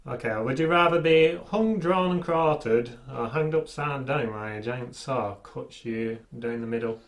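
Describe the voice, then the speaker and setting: A man's voice: medium pitch, moderate pace. A man hosting a podcast who reads out would-you-rather questions and adds matter-of-fact remarks. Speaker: podcast host asking questions. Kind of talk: casual chat.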